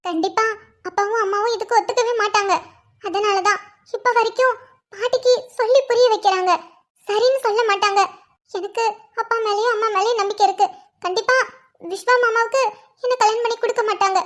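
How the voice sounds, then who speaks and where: A woman's voice: extremely high pitch, fairly even intonation, fairly quick. A woman voicing a worried young college girl in a cartoon, thinking aloud in an anxious inner monologue. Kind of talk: cartoon voice acting.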